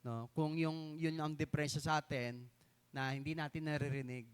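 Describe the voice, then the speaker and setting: A middle-aged pastor from the Philippines preaching a live sermon to his congregation, often asking "no?" and stretching key words slowly for emphasis. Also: on the high side, fairly even intonation, clear, resonant tone. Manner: keeps adding tag questions "no?" to the congregation. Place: church hall.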